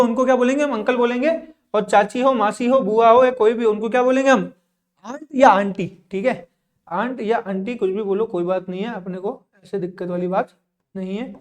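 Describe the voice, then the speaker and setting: A male English teacher giving a classroom lesson in Hindi, asking questions and answering them himself, with lots of repetition. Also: very high voice. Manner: drills and repeats with frequent "theek hai".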